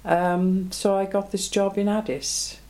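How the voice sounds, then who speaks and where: Recalling her life for an oral history interview, a Belgian-born woman in her seventies comes across as reflective and plain-spoken. Her voice is warm and medium-pitched with little pitch movement, and she takes her time.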